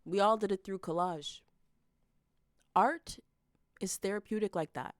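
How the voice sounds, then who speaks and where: A woman's voice: mid-range voice, dry recording, clean studio sound. A woman streamer reading posts aloud and commenting casually, reacting with disbelief. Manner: unhurried, reacts with disbelief and exclamations.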